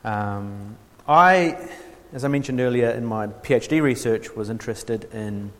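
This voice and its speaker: At a measured pace and medium pitch, a man from New Zealand lectures informally on theology at a workshop in an echoing hall. He is hesitant, restarting often and saying um a lot, with a dry, self-mocking wit.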